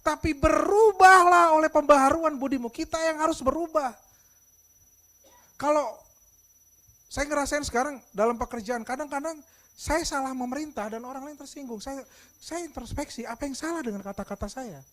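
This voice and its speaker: Middle-aged man, preaching, storytelling, acted-out dialogue, soft-to-loud swings. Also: extremely high pitch, normal speed, pauses often. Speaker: pastor. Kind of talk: sermon.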